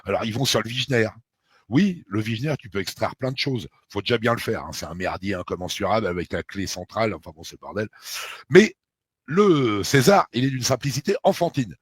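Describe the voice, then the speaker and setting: A middle-aged Frenchman talks in a casual, emphatic way, packing his speech with fillers and asides. His voice is husky and a little breathy. He is recorded close and dry, with no room echo. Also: lowish voice, lively intonation, a little fast. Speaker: researcher of a historical mystery. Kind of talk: casual conversation.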